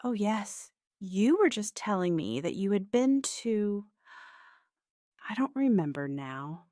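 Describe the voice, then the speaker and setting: A woman voicing a friendly male police sergeant who coaxes gently in a read-aloud storybook. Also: medium pitch, big pitch swings, slow, dry recording, pitched above the performer's own voice. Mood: coaxing. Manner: kind, coaxing. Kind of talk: storybook reading.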